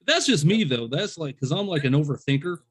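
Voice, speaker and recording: A man's voice: a little high, lively intonation, fairly quick, fairly bright tone, slightly rough. A man hosting a casual interview, rambling through stories and acting out what people said. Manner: rambling storyteller, acts out quoted voices. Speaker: podcast host.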